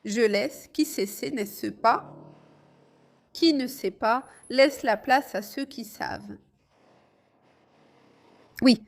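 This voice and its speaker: A woman's voice: a little high, takes it slowly, creaky, long pauses. A woman riding a motorcycle in city rain, chatting and exclaiming to her viewers as she rides. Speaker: motovlogger. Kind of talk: casual riding commentary.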